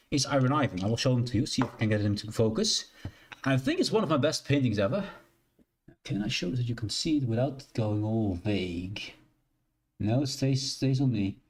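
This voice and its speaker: Young Dutch streamer, Dutch accent, mid pitch with lively swings, rambling casual chat. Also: male voice, slight background noise. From Netherlands. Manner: rambling, self-correcting, answers chat. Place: shared living room, indoors.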